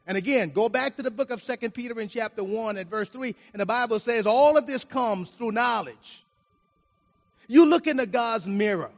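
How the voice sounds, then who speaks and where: A man's voice: extremely high pitch, moderate pace. A man preaching a sermon, reading scripture aloud and explaining it, his volume rising and falling for emphasis. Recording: reverberant hall.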